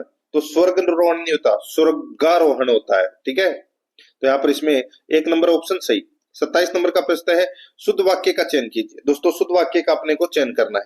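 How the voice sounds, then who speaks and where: A man's voice: fairly high pitch, a little mellow. A man teaching an exam-prep lesson, repeating key phrases and asking rhetorical questions that he answers himself. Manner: repeats key phrases and often addresses viewers as friends.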